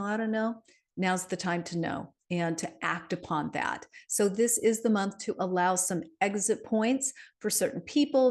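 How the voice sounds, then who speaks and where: A middle-aged woman gives a casual monthly numerology forecast, chatting away with lots of fillers, frequent "right?" tags and light laughs. Her mid-range voice is a little mellow.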